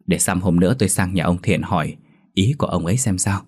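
A man voicing a gentle middle-aged village wife who speaks softly and calmly to soothe her husband. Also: deep voice, fast, husky. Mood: coaxing. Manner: soft, coaxing, calm.

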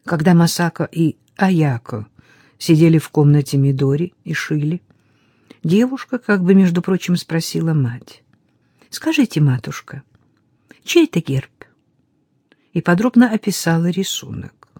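A narrator reads a historical novel in a calm, measured way and drops to a hush at the tense moments. The voice is husky and mellow. The recording is dry and close, with no room sound. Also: mid-range voice, no echo. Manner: calm, measured storytelling with hushed dips. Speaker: audiobook narrator. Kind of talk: scripted audiobook narration.

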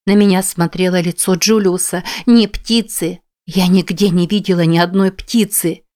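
A woman's voice: fairly low pitch, steady tone, moderate pace, darkish tone. A woman narrating a tense first-person audiobook.

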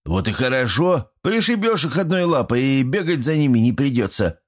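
A man's voice: mid-range voice, a little mellow, slightly rough, voice pushed up, natural voice. A man voicing a cheeky, pushy little male gremlin who scolds and argues in an audiobook. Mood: scoffing. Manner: bossy, scolding, quick to argue. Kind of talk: audiobook character voice.

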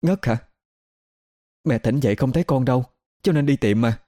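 A man's voice: mid-range voice, normal speed, dark tone, pitched above the performer's own voice, lightly acted. A male storyteller voicing a young mother who talks in a hesitant, raised voice. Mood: soothing. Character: young mother, anxious and flustered, at times eerily childlike.

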